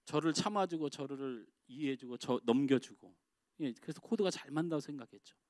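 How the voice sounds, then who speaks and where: A middle-aged man preaching a sermon as pastor in a church. He swings from loud, emphatic outbursts to quiet, confiding asides. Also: mid-range voice, brisk, no echo, clean studio sound. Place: church sanctuary.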